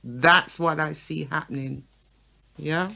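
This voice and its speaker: She's a radio talk show co-host and promoter whose gravelly voice sits low and moves slowly. Lively as she makes her points, she often turns to listeners with "right?" and "okay?".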